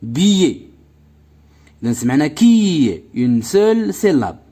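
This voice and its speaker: A man leads a phonics lesson, repeating each word slowly and clearly. His voice sits a little high and rises and falls a lot. He mixes French with Arabic as he explains. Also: big pitch swings, darkish tone. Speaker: teacher. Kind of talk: slow, repetitive phonics lesson.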